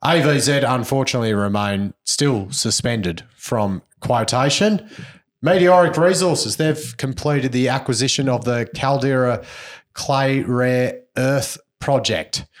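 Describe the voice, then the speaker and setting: A man's voice: medium pitch, unhurried. A man with an Australian accent hosting a podcast, chatting casually through news in a blokey, slangy way. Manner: laid-back, blokey, slangy. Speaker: podcast host. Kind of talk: casual chat and news recap.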